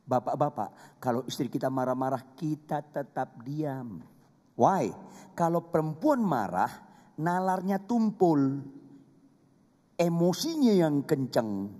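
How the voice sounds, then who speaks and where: A man's voice: on the high side, expressive, slow pace, long pauses, warm tone. A man with an Indonesian accent, a pastor preaching an emphatic, humorous sermon that repeats phrases for effect. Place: church. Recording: long reverb of a church hall.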